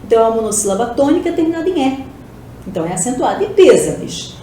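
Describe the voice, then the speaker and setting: A woman from Brazil teaches an exam-prep lesson with a high, lively voice that rises and falls a lot. Her tone is mellow and a little dark. She asks herself questions and answers them, and a strong room echo rings around every word over a faint hiss. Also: quick pace. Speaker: Portuguese teacher.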